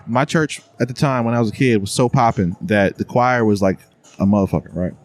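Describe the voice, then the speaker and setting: A man's voice: fairly low pitch, brisk, darkish tone. A man hosting a podcast, telling stories in a casual, profane way and laughing often. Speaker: podcast host. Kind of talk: casual chat.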